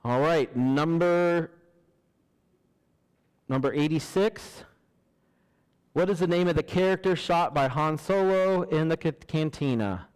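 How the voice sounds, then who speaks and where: A man hosting a church trivia night, reading questions slowly, counting down and laughing at himself. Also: a little high, a little mellow, clean tone. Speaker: trivia host. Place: church hall. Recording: large hall with long reverb.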